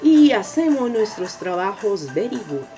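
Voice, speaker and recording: Slow sing-song woman teaching preschool phonics. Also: medium pitch, very animated. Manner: drawn-out sounds, sing-song praise, coaxing repetition. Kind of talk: slow, exaggerated phonics lesson for young children. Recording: dull lo-fi home recording with soft music.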